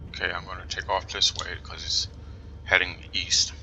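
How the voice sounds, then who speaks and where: Playing a flight simulator, this New Jersey-accented man thinks out loud, reads the instructions slowly and frequently slips into a whisper. He speaks low with little pitch movement in a pushed, bright tone. The recording is poor, with slight background noise.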